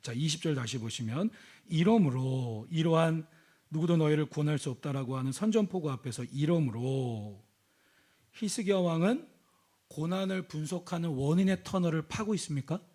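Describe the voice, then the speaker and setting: High-voiced male pastor preaching. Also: fairly quick. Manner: preaching with sudden swings between loud exhortation and hushed, intimate speech; asks the congregation questions and calls out hallelujah. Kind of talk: sermon.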